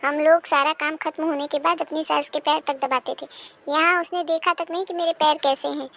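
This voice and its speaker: Cartoon: a complaining old mother-in-law, played by a woman with a high voice. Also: steady tone, a little fast, vocal fry, fairly bright tone. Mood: indignant. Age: older. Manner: complaining, bitter, self-pitying. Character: nagging older woman, a quarrelsome mother-in-law. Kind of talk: cartoon dubbing.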